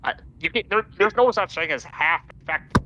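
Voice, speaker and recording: A man's voice: on the high side, lively intonation, moderate pace, highs cut off, noisy background. A man with a nasal voice, speaking in character as a player in a tabletop game.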